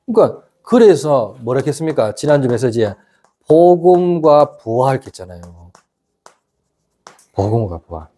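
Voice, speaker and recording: A middle-aged pastor preaching a casual youth sermon, constantly asking the congregation whether they agree. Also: male voice, mid-range voice, sing-song, a little slow, mellow. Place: church youth service.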